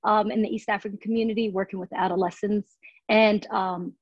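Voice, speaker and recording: A woman's voice: medium pitch, steady tone, fairly quick, no room sound. A woman in her thirties, from Somalia, answering interview questions as a city council candidate, earnest and full of "um" fillers and restarts. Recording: dull lo-fi audio.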